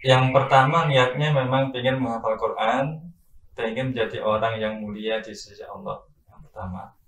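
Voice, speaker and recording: Male Quran teacher, mid pitch, calm explainer, distant roomy sound. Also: moderate pace. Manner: calm explanatory, adds "ya" tags. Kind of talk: casual interview.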